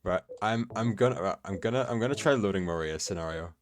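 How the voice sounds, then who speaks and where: A man's voice: fairly low pitch, fast, slight background noise. A man giving casual, sweary commentary on a video game he is playing, with a sardonic, exasperated way of talking. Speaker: gamer commentating own playthrough. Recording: game music behind the voice. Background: video game music and sound.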